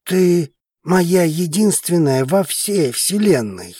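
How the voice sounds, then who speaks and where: A devoted male dragon lover with a low, husky voice that swings widely in tone, played by a woman narrator. He speaks slowly and softly, almost pleading, in a close, dry sound. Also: animated, dry recording, exaggerated voice. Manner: low, slow, hushed and pleading. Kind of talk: audiobook character reading.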